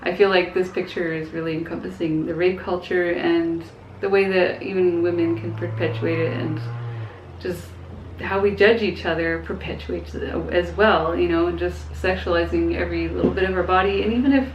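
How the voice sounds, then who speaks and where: A young woman speaking in a fairly low voice in a casual vlog, earnest and blunt but stumbling over her words with ums and short laughs. Her voice is picked up by a camera mic in an echoey room at home, slightly muffled, with a faint hiss behind it. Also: steady tone, normal speed. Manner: earnest and frank, hesitant with fillers and small laughs. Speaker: vlogger. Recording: echoey, dull room sound.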